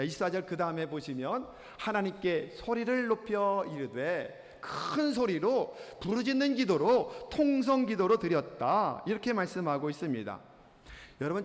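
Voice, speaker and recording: High-voiced fervent pastor in echoing church. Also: male voice. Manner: fervent preaching, rising to shouts on key words. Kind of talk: sermon. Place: church sanctuary. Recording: church hall reverb.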